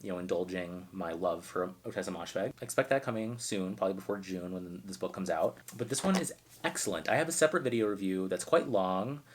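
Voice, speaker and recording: A man's voice: deep voice, brisk, hardly any pauses, a little hiss or hum. A man from Arizona reviewing books in a casual, chatty way, full of asides and "like". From Arizona, United States. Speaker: book reviewer.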